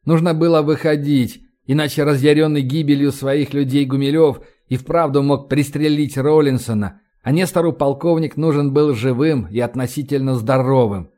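A man narrating an audiobook in an even, measured reading. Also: mid-range voice. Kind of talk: scripted narration.

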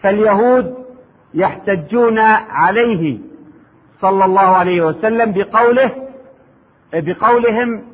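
A man giving a formal religious lecture on Quranic sciences, speaking in measured classical Arabic and reciting verses. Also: high-pitched, slightly rough. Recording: phone-like narrow sound with long hall reverb.

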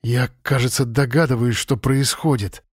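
A man's voice: mid-range voice, steady tone, normal speed, slightly rough, no room sound, close to an everyday voice. A man voicing a dazed schoolboy hero, close to his own voice. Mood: dawning.

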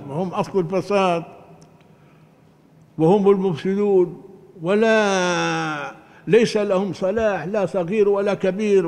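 An older man teaching Quran commentary in a deliberate, emphatic lecture style, often restarting his words. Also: sits high, a little mellow. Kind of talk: religious lecture. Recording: long hall reverb.

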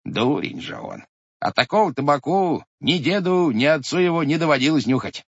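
A man voicing a stubborn old village grandfather who mutters and exclaims gruffly. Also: on the high side, expressive, moderate pace, no room sound, dull audio, pitched above the performer's own voice. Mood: grumbling.

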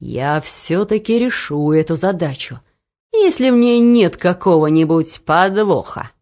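A woman's voice: lowish voice, lively intonation, measured pace, darkish tone, muffled recording. A woman voicing a vain, pedantic king in an audiobook. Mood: pompous. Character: gloomy middle-aged male king, vain, pedantic.

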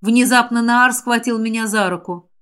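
A woman with a high, clear voice reads a first-person fantasy audiobook at normal speed. Her reading is emotional and expressive, with her pitch rising in the tense passages.

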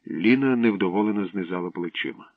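A man reading a story aloud in a steady, measured way. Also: low voice, no room sound. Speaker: audiobook reader. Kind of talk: storytelling narration. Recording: dry tinny radio broadcast.

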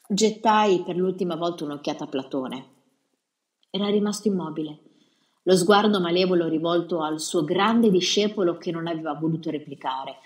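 A woman reading a historical novel aloud in the first person with a measured, dramatic delivery. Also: on the low side. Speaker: audiobook reader. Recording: roomy echo.

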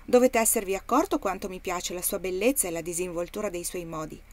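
A woman's voice: fairly low pitch, fairly quick, lightly acted. A woman voicing a blunt, greedy male slave trader in an audiobook reading, coaxing and haggling.

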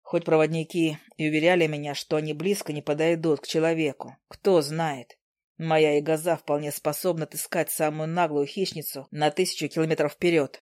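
A woman doing a low brooding male demon. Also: level tone, fairly quick, no room sound, clean studio sound, close to an everyday voice. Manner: low, quiet and reflective. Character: brooding male demon, protective young man. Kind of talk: first-person audiobook narration.

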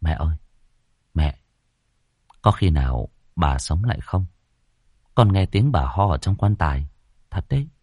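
A man's voice: medium pitch, very animated, a little fast, long pauses, slightly rough, dry recording, clean studio sound. A man voicing a nervous teenage boy who pleads and stammers to be believed. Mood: pleading, insistent.

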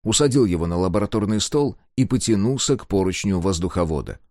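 A man narrating an audiobook in an expressive reading voice. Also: deep voice, fast talker, no echo, clean studio sound. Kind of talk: scripted narration.

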